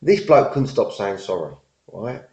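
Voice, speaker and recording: A middle-aged man with a dark, mellow voice rambles through a casual story, circling back and repeating himself. He uses everyday working-class slang. The sound is dull and lo-fi and echoes around the room. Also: lowish voice, very animated, a little slow. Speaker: vlogger.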